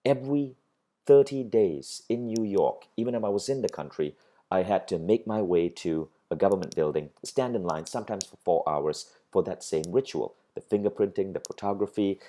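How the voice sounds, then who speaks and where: A man's voice: deep voice, moderate pace, mellow. A middle-aged man from Malaysia giving a motivational course lecture, earnest, and he repeats phrases as he builds a point. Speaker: course instructor. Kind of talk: recorded online course lecture.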